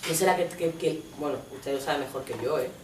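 A woman's voice: deep voice, brisk, recorded from a distance, very noisy. Spanish-accented woman for a blunt, profane stage monologue, voicing several people, picked up from afar in a roomy theater. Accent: Spain Spanish. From Spain. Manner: animated, switches between voices of people in her story, blunt and profane. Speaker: stage performer.

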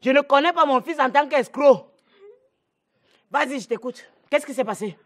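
A woman's voice: high-pitched, expressive, brisk, a bit bright. A woman playing a furious mother who scolds her grown son with repeated demanding questions in a comedy web series. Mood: stern. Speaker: angry mother.

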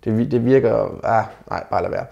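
A man's voice: on the low side, vocal fry, warm tone, lo-fi sound. A man giving casual dating advice to the camera, bluntly mocking the messages he critiques and calling his viewers guys. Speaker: dating advice video maker.

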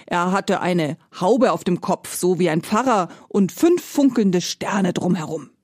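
A woman's voice: on the low side, expressive, a little slow, a little mellow, no room sound, studio quality. A woman voicing a simple-minded male farmer who talks in a folksy, exclaiming way. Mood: naive.

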